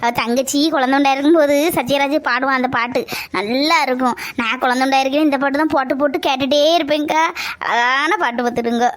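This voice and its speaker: A woman plays a kind neighbor in a homemade family skit. Her voice is high, and she talks in a coaxing, reassuring way. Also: steady tone, quick pace, close to an everyday voice. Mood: cheerful. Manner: warm, coaxing, motherly reassurance. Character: kind caring older-sister neighbor woman.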